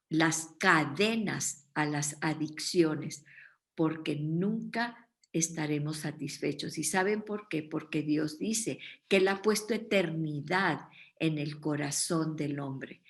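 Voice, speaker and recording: Woman, Bible study teacher, lowish voice, earnest, checks in with listeners.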